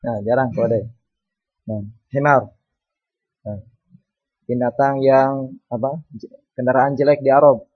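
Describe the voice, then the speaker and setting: A man's voice: mid-range voice, steady tone, measured pace, pauses often, phone-quality sound. A man teaching an Arabic class, calling on students to read and patiently repeating words and their meanings.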